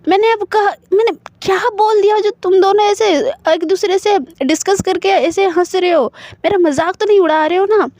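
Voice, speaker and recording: A woman reading the part of a joking young male friend in an audio story, rambling and repeating herself, in a high, dry voice. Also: measured pace, mellow, no room sound. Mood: whiny. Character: young man, joking friend who laughs easily.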